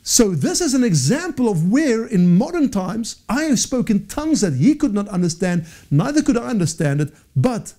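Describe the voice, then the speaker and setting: In a dark-backdrop studio, a forties-aged man whose first language is Afrikaans leads a Bible session to camera on a lapel mic. He speaks in a high, dark-toned, sing-song voice at normal speed with few pauses, earnestly gesturing and often correcting himself.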